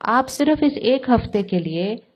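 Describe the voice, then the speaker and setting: A woman giving a calm spiritual talk, putting questions to her listeners and answering them herself. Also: a little high, unhurried. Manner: calm, asks the audience rhetorical questions. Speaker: spiritual teacher.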